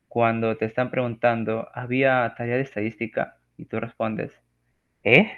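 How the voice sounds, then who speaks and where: Peruvian Spanish male student, gravelly voice, casual slide presentation over a tinny phone-like line, jokey. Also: mid-range voice. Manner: casual, joking, acts out sound examples. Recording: phone-like lo-fi audio.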